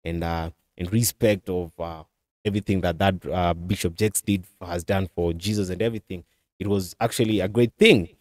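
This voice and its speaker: A man's voice: sits low, fairly even intonation, normal speed, no echo. A man in his thirties hosting a commentary show, talking casually with many fillers and restarts into a desk mic in a small studio. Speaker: commentary channel host. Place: small indoor studio with curtain backdrop. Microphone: desk mic on a stand.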